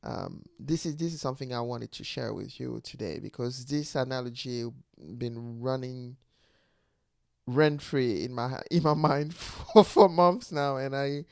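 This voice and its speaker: A man with a foreign accent talks through his ideas in a loose, reflective monologue and laughs often as he goes. His voice is smooth and resonant, and the recording is close and dry, with no room sound around it. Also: medium pitch, measured pace, no echo. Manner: laughs often while talking; speaks with a non-native accent. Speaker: podcast host.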